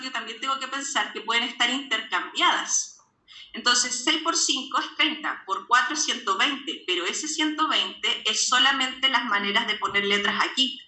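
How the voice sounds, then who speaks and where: A woman's voice: high voice, sharp tone. A woman math teacher, giving a classroom lesson and often stopping to check that students follow. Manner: patient, checks understanding with frequent questions. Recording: echoey classroom with faint background noise.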